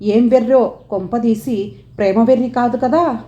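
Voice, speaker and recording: A woman's voice: fairly high pitch, fairly even intonation, a little slow, dark tone, close to an everyday voice. A woman voicing a caring adult man who anxiously questions his older sister. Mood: concerned. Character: concerned adult man, a caring younger brother. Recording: dull roomy home recording.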